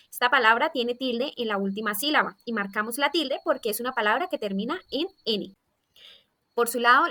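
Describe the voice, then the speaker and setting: A woman's voice: fairly high pitch, pushed and bright. A woman teaching a primary school grammar lesson, explaining rules step by step with listed examples. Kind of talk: scripted grammar lesson for children.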